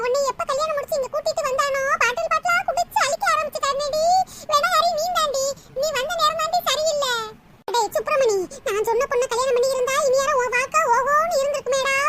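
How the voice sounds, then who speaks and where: A woman's voice: very high-pitched, sharp tone, slight background noise. A woman voicing a bitter old mother-in-law in a cartoon, wailing and taunting. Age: older. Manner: wailing laments and mocking taunts. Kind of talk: cartoon voice acting.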